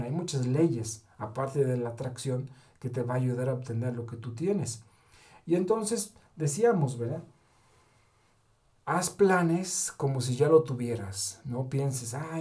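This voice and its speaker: Mellow-voiced man giving a motivational talk. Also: medium pitch. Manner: keeps adding the tag question "¿verdad?"; storytelling with short quoted dialogue. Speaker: motivational speaker.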